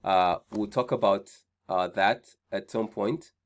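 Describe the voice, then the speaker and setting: A man with a Nigerian accent hosts an online career seminar in a lowish voice, speaking slowly. He's conversational, restates his key points, and keeps asking "right?" to check in with listeners.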